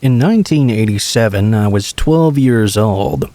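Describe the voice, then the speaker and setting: A man's voice: lowish voice, expressive, measured pace, mellow, dry recording. Man narrating scary stories, dry voice. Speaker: horror story narrator. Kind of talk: scripted first-person story narration.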